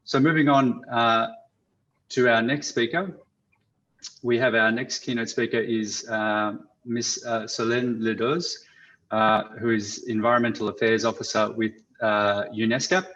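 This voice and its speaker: A man moderating an online panel, speaking in a measured, halting way with many fillers over a video call. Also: mid-range voice, flat delivery, a bit bright. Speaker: webinar moderator. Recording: muffled lo-fi audio.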